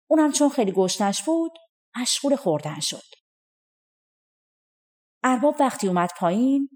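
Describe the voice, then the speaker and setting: A woman reading a folk tale audiobook in a gentle storytelling manner. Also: mid-range voice. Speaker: audiobook reader.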